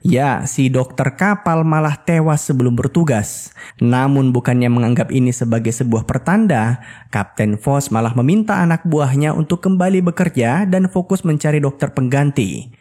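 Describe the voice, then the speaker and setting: A male film recap narrator with a mid-pitched voice. He tells the story in scripted narration, dropping in casual asides. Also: normal speed, a little mellow.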